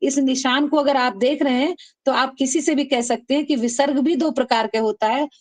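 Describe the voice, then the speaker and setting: A woman teaching an online class, affectionately calling her students "beta" and chanting rules slowly for them to repeat. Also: high-pitched, steady tone. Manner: calls students "beta", drills them call-and-response. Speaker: Sanskrit teacher.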